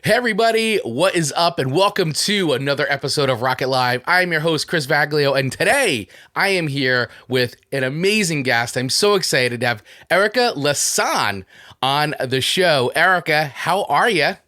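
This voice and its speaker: A man's voice: on the high side, expressive, moderate pace, pushed and bright, no echo, studio quality. A man with a New Jersey accent hosting a podcast interview, upbeat and enthusiastic as he promotes the show and greets his guest. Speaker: podcast host.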